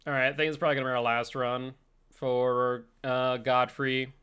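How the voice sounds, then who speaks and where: A young man talks casually while streaming a game, chatty and quick to joke at his own expense. His voice sits at a medium pitch. Game music plays clearly behind him. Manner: chatty, self-deprecating, animated. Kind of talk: casual gameplay commentary.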